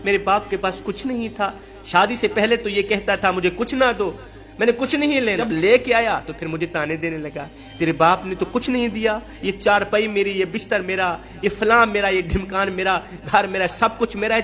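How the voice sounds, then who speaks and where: A man's voice: high-pitched, a bit bright. A man voicing a mistreated wife who pleads and laments her lot. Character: wronged, pleading young wife.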